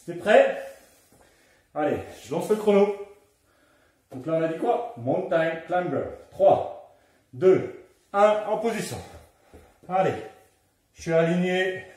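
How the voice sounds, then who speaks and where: Taking it slowly with long pauses, a man with a high, a little mellow, animated voice coaches a home workout, counting down and encouraging as he exercises along, slightly out of breath. The mic is far off in a very echoey room at home.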